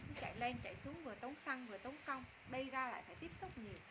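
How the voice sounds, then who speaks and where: A woman's voice: high-pitched, lively intonation, fast, background noise. A woman in her thirties selling clothes live, with informal, repetitive sales patter aimed at customers. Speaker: live-stream clothing seller. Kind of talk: live sales chat, pitching items and calling out customers. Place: small indoor room with curtains.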